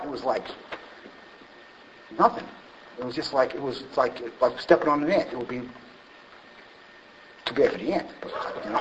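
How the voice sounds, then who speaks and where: A man telling a rambling, self-deprecating personal story about his drinking, full of fillers and restarts. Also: a little high. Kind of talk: personal recovery story told to a group. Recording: dull lo-fi recording, faint hiss.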